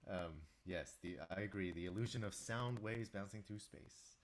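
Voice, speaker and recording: Deep-voiced man with a stuffy nose. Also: moderate pace. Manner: chatty, talks to viewers and reads their chat aloud. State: sore throat. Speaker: music composer streaming live. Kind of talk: casual live-stream commentary while composing.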